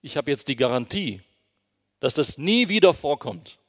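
A man's voice: a little high, very animated, moderate pace. A man preaching a sermon, earnest and emphatic, speaking directly to his congregation. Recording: long reverb of a hall.

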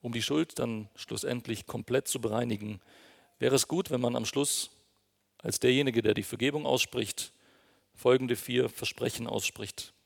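A man's voice: medium pitch, moderate pace, creaky. A man preaching a sermon, earnest and emphatic, speaking directly to his congregation. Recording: long reverb of a hall.

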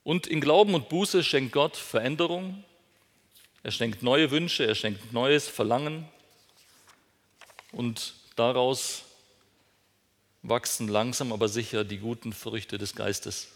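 A man's voice: mid-range voice, takes it slowly, long pauses. Preaching man in a reverberant hall. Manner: asks questions and answers them himself; emphatic, rises sharply on key words. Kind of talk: sermon.

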